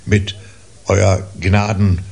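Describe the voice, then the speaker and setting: A man's voice: deep voice, level tone, drawn-out words, vocal fry, darkish tone, full character voice. A man doing a humble, earnest old soldier-servant. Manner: hesitant, apologetic, humble.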